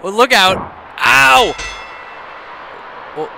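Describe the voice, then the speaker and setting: A drunk man commentating on a wrestling video game, swearing, shouting and laughing at what happens on screen. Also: very high-pitched, lively intonation, drawn-out words, gravelly, a little hiss or hum. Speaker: gameplay commentator. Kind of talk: drunk let's-play commentary. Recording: game music behind the voice. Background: video game music.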